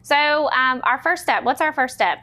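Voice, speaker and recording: A woman's voice: high voice, normal speed, pushed and bright. A young woman hosting a cooking show, upbeat and chatty, who laughs easily and asks a lot of questions. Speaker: host. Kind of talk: casual cooking show chat.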